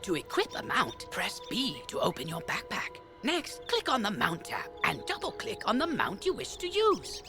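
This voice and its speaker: A woman's voice: mid-range voice, huge pitch swings, normal speed, hardly any pauses, over music. A woman reading scripted instructions as the narrator of a game tutorial.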